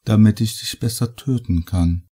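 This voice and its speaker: A man reading a horror audiobook, voicing a calm, unmoved young man who means to kill. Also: on the low side, moderate pace, slightly rough. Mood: cold calm. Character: calm, cold young man turned killer.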